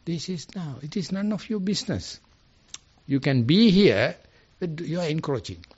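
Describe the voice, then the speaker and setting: Earnest Sri Lankan monk, lively pitch. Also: male voice, breathy edge, lo-fi sound. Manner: earnest, halting, searches for words mid-sentence. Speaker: Buddhist monk. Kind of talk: informal dharma talk.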